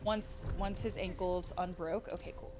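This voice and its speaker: A woman speedrunner giving live commentary on her game, cooing baby talk to the creature and bursting out loud when things go well or wrong. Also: fairly low pitch, moderate pace, over music. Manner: excitable, with sudden loud outbursts. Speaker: speedrunner streamer.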